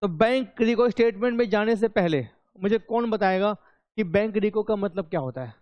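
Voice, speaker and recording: A man's voice: high-pitched, lively intonation, moderate pace, no echo, muffled recording. A man with an Indian accent teaching an online accountancy class, chatty and coaxing his students to reply.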